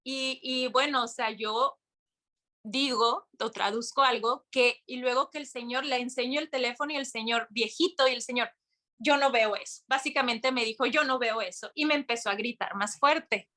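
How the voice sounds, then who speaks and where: A young adult woman, a podcast guest telling a story in a casual, animated way, acting out the quotes. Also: on the high side, normal speed. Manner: animated, full of restarts and acted-out quotes.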